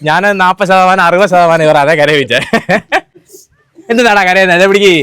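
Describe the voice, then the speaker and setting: A man's voice: high voice, fairly bright tone, clear, resonant tone, dry recording. A young man, teasing his family playfully during a birthday surprise video. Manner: teasing, playful, quick-talking. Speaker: prankster video host.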